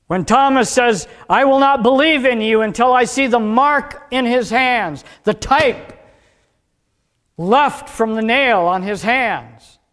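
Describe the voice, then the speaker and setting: A man serving as pastor, leading the liturgy and preaching in a measured, emphatic way, heard in a long cathedral-like echo. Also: very high voice, fairly bright tone. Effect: long cathedral-like hall echo. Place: church sanctuary. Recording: reverberant sanctuary with congregation. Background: congregation.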